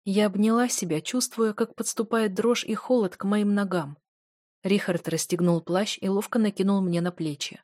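A woman narrating a first-person audiobook in a steady, expressive way. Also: mid-range voice, moderate pace, no room sound, clean studio sound.

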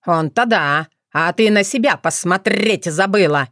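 A woman's voice: fairly low pitch, a little slow, a bit bright, no echo, studio quality. Woman doing a barking bossy crow father. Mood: angry.

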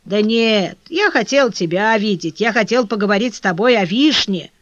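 A sly, scheming crook who drops hints and keeps his secrets, as a narrator puts him on. His pitch swings up and down, and the audiobook recording is dull and completely dry. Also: lively intonation, moderate pace, fairly bright tone, no echo, lightly acted. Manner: secretive, insinuating. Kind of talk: audiobook character voice.

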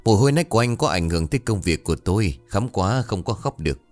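A man voicing a young village man who wails a hired funeral lament in a drawn-out, sing-song way, in a storybook tale. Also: fairly low pitch, animated, a little mellow, soft background music, close to an everyday voice. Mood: rude, annoyed.

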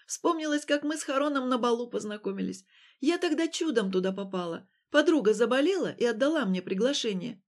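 A woman reading a first-person fantasy novel aloud in a slightly high voice. Her narration is steady and storylike. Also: a little fast. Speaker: audiobook narrator.

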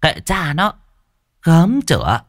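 A man doing a shrill, cruel landlord's wife. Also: big pitch swings, fairly bright tone. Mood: scornful. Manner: scolding, sneering, quick to pick fights.

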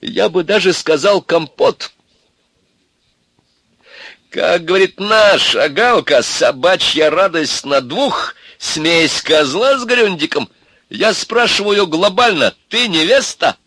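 A man voicing Ivan, a brash, hot-tempered young man with a loud, blustering, folksy way of talking. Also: on the high side, big pitch swings, takes it slowly, husky, dry recording, pitched above the performer's own voice, heavily acted. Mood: boastful.

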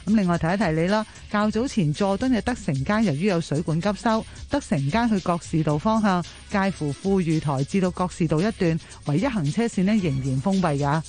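Woman briskly reading live traffic. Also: lowish voice, a little mellow, faint music behind. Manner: brisk, listing routes in a run. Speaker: traffic reporter. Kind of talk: live radio traffic report.

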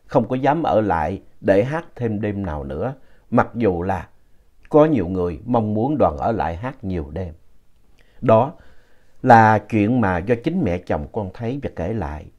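A man narrating a ghost story in a slow, retelling manner. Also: on the low side, big pitch swings, darkish tone, muffled recording.

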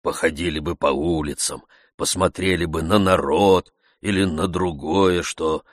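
A man's voice: deep voice, steady tone, measured pace, no echo, studio quality. A man reading an audiobook, voicing a timid, grumbling old male servant with humble, muttering pleas. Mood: pleading.

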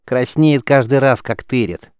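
A man's voice: medium pitch, unhurried, a little mellow, clean tone, no echo, clean studio sound, voice pushed up, close to an everyday voice. A man voicing a cheeky small street boy who mocks and squabbles in slang, in an audiobook. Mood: indignant.

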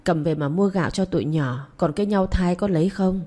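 A woman's voice: lowish voice, fairly quick, mellow, close to an everyday voice. A woman voicing a brusque older mistress of the house in a spoken story.

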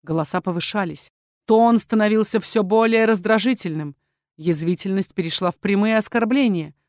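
A woman narrating a fantasy audiobook with a lively, dramatic reading. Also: mid-range voice, moderate pace, no room sound, studio quality.

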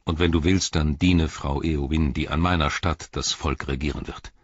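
A man reading the lines of an old king, grave and commanding, measured in his speech, in a dull lo-fi audiobook recording. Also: a bass voice, steady tone, breathy edge, no room sound. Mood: kindly firm.

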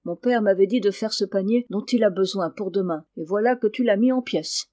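A woman's voice: mid-range voice, brisk, dark tone, no room sound, clean studio sound, lightly acted. Woman reading as a playful farm boy.

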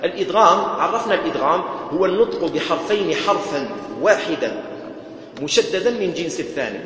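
Man, slightly high voice, patient recitation teacher, booming mosque reverb. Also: animated, a little fast, a bit bright. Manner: patient, repeats points, chants short recitation examples. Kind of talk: lecture. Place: mosque prayer hall. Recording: echoey mosque hall with long reverb.

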